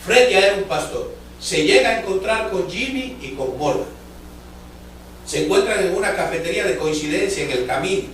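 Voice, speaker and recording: High-voiced man preaching in an echoey church. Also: expressive, fairly bright tone, a little hiss or hum. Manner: fervent, drawn-out emphatic phrases, addresses the congregation directly. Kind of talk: sermon storytelling. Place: church sanctuary. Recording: echoey church hall from far off.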